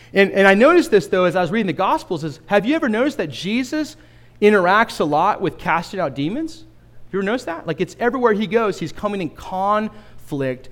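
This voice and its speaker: Middle-aged male pastor, slightly raised voice, chatty humorous sermon style with questions to the room. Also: a little high. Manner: conversational and humorous, asks the congregation questions.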